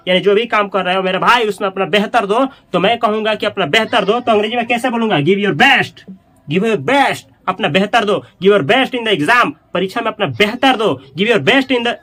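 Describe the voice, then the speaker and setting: A man teaches spoken English to his viewers. He repeats every phrase slowly several times and talks to them directly and casually. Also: high voice, a bit bright. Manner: chatty, addresses viewers directly. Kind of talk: Hindi-medium English lesson.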